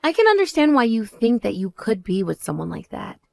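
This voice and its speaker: A woman's voice: on the high side, very animated, vocal fry, a little mellow, dry recording, studio quality. Woman voicing a cool, composed older sister. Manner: cool, measured, patronizing. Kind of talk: voiced text story dialogue.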